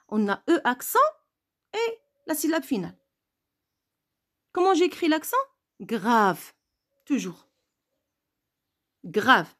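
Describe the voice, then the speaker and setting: A woman teaching a French grammar lesson. She speaks slowly and repeats key words and letters to stress how they are pronounced. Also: high-pitched.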